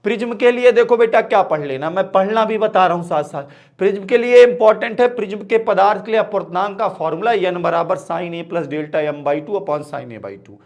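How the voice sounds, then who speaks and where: A man's voice: high-pitched, moderate pace. A man teaches an exam-prep physics lesson. He talks straight to his students, firm and familiar, and keeps checking that they follow. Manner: direct, repeats "ठीक है" and calls students "बेटा".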